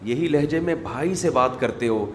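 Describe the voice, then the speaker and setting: A man preaching a sermon, telling stories with sharp swings between loud and soft. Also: mid-range voice. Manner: animated storytelling with sharp swings in loudness. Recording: echoey hall with faint noise.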